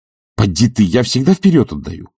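A man voicing an idle gentleman landowner who answers sluggishly and reluctantly, read in a dry, close recording. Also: on the low side, big pitch swings, moderate pace, creaky, husky, no room sound, heavily acted. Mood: complaining. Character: lazy, languid gentleman landowner. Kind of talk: audiobook character reading.

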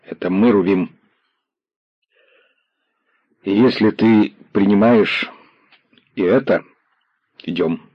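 A man's voice: fairly low pitch, slow, pauses often, husky, no room sound, muffled recording. A man voicing a stern male revolutionary commissar who speaks hard and clipped.

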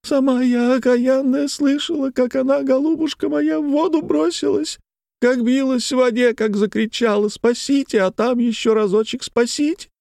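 A man voicing a tearful peasant maidservant woman who laments in a weepy, high, falsetto-like voice. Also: fairly even intonation, normal speed, vocal fry, a little mellow, no echo, studio quality.

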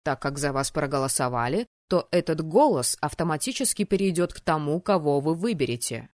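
A woman lowering her voice for a stern, clipped male dean. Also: expressive, fairly quick, a little mellow, dry recording, studio quality. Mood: curt. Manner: clipped, commanding, formal. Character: stern male dean of a magic academy, curt and cold. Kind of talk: audiobook character voice.

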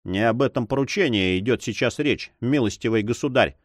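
A man's voice: medium pitch, a little fast, no room sound, studio quality, natural voice. A man reading an audiobook, voicing a passionate young man who speaks fervently and pleadingly. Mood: ardent.

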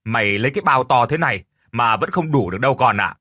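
A man's voice: medium pitch, animated, fast, sharp tone, husky, dry recording, clean studio sound. A man voicing a jovial middle-aged neighbor in an audio story, who brushes off worries. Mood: offhand.

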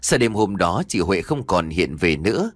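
A man narrating an audio story in an expressive storytelling manner. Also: sits low, moderate pace, no room sound. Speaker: audiobook reader.

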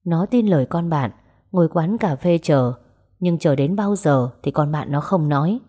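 A woman narrating a romance story aloud and voicing its characters in a gentle, even way. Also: deep voice, moderate pace, breathy edge. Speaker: audiobook narrator. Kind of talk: storytelling narration with dialogue voices.

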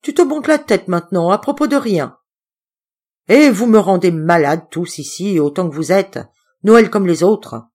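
A woman's voice: lowish voice, animated, a little slow, a little mellow. A woman reading an audiobook, voicing an exasperated young woman pleading with her father.

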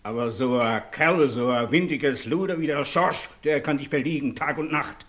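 A man's voice: mid-range voice, moderate pace, fairly bright tone, close to an everyday voice. An actor playing an insistent man reproaching his friend in an old radio play. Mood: reproachful. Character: agitated man accusing a wife, insistent. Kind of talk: 1950s German radio play acting.

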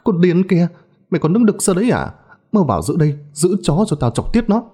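A man's voice: medium pitch, big pitch swings, fairly quick, mellow. A man voicing a cruel, greedy old woman who screeches and scolds her servant. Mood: furious.

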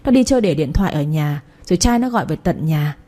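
Woman playing a scornful older mother-in-law, shrill and nagging, warm low-toned voice. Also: lively intonation, fast. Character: sharp-tongued scolding older mother-in-law.

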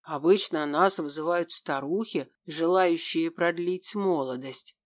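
A woman voicing a smug, grumbling male demon in an audiobook, speaking slowly and drawing out her words. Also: deep voice. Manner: slow, drawn-out and smug, at times breathy and soft.

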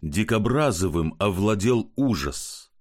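A man reads a story aloud as narrator, with an expressive telling. His pitch moves in a lively way through the sentences. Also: takes it slowly. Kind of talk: audiobook narration.

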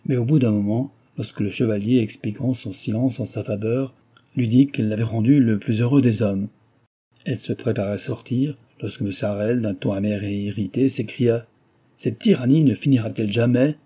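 Give me a husky male audiobook narrator reading steadily. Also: lowish voice, fairly even intonation, normal speed, mellow. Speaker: audiobook reader. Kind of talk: scripted narration.

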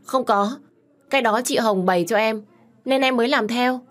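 A woman voicing a naive, meek young woman who speaks politely in a higher voice, in a storybook reading. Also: normal speed, a bit bright, close to an everyday voice. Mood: pleading.

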